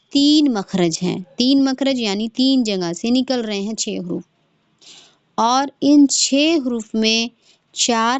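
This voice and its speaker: A woman's voice: fairly high pitch, a little mellow, no echo, muffled recording. Patient woman teaching recitation sounds. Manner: patient, explains step by step and demonstrates sounds; checks understanding often with "theek hai". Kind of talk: online tajweed class.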